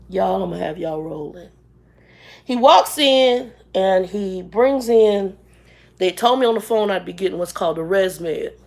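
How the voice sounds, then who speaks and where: A woman in her fifties telling a story to her viewers in a casual, animated way, often laughing. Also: medium pitch. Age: 50s. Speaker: vlogger.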